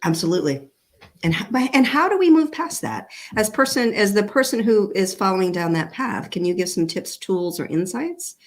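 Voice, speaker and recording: A woman's voice: medium pitch, animated, normal speed. A woman from New England hosting a live talk show, affirming her guest and asking long questions.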